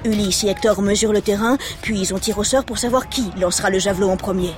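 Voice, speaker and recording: A woman's voice: mid-range voice, fairly even intonation, quick pace. A woman telling a story to children in a playful, exclamatory style with chatty asides. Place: radio studio. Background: music.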